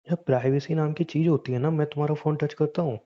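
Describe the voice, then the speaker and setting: A man's voice: fairly high pitch, fairly even intonation, fast, dark tone, close to an everyday voice. A man playing an evasive young husband who stammers, pleads and talks his way around his wife's questions in a scripted phone-call sketch. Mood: irritated. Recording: dull lo-fi phone-call sound.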